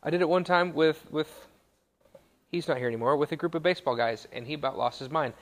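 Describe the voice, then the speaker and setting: A young adult man, a college pastor, giving a casual sermon to students, talking conversationally with quick self-corrections and asides. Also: on the high side. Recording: long hall reverb.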